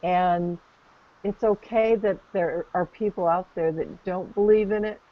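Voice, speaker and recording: A woman calmly guiding a session, gentle and affirming, talking soothingly about calm and connection. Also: fairly low pitch, measured pace. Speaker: session facilitator. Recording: dull lo-fi recording.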